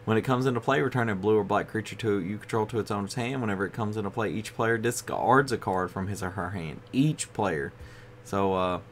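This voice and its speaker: A tired man with a lowish voice talks through a casual card review, rambling and leaning on fillers as he goes. Faint ambient sound hums underneath. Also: fast, few pauses, a little hiss or hum. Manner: rambling, with frequent "you know" fillers. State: tired, yawning. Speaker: card game video host.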